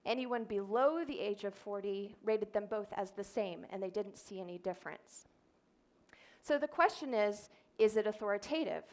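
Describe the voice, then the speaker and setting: A woman's voice: medium pitch, moderate pace. A woman, a speech therapist, giving an explanatory talk on stage and demonstrating voice sounds. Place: event stage before an audience.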